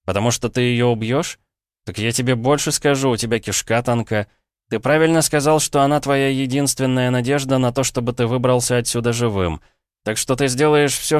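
A man's voice: medium pitch, fairly quick, clear, resonant tone, dry recording, studio quality, pitched above the performer's own voice, close to an everyday voice. A man voicing a defiant, cool-headed young male mage who speaks firmly and steadily in a storybook reading. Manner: firm, steady, challenging.

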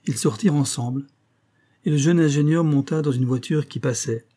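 A man narrating a novel in a steady, even reading voice. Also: on the high side, moderate pace. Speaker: audiobook narrator. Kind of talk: scripted narration.

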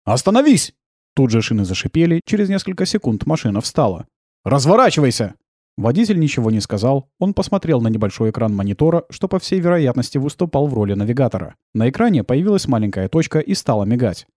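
A man narrating an adventure audiobook with expressive storytelling. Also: mid-range voice, fast talker, hardly any pauses, dry recording, clean studio sound.

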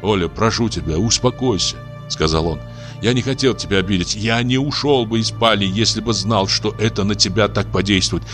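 A man reading a gentle pleading husband. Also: lowish voice, a little fast, faint music behind, lightly acted. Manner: soft, pleading and soothing. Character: gentle, guilty middle-aged husband pleading.

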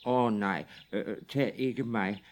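A man's voice: fairly low pitch, close to an everyday voice. A man doing a nervous middle billy goat.

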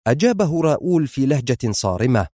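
A man narrating a thriller audiobook in a measured, suspenseful manner. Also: mid-range voice, sing-song, dark tone, no room sound, studio quality.

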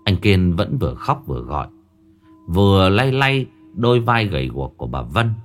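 A man's voice: low-pitched, sing-song, normal speed. A man narrating a horror story with dramatic expression. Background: faint music.

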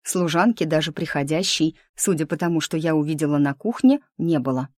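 A woman narrating a first-person audiobook in a lively, ironic storytelling manner. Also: low-pitched, brisk, no room sound.

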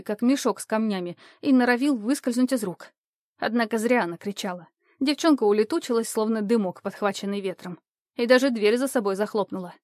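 A woman's voice: fairly high pitch, darkish tone, no room sound. Woman narrating an audiobook, dry sound. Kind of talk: scripted narration.

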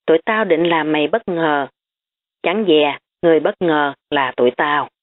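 Woman reading a blunt, teasing schoolgirl; low voice, phone-like sound. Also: normal speed, slight background noise, lightly acted. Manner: frank and teasing. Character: blunt, teasing, hungry female student. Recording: tinny phone-like audio.

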